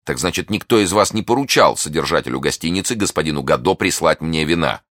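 A man's voice: rumbling low, animated, fast talker, a bit bright, no echo, clean studio sound. A man voicing a bold young guardsman who speaks urgently and earnestly. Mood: eager. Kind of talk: audiobook character voice.

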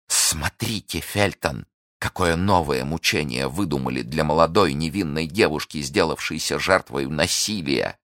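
A man's voice: sits low, a bit bright, no echo. Scheming young noblewoman, pleading and grand, read by a man in audiobook style, dry booth. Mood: imploring. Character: scheming noble young woman, proud and wounded. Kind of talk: audiobook reading.

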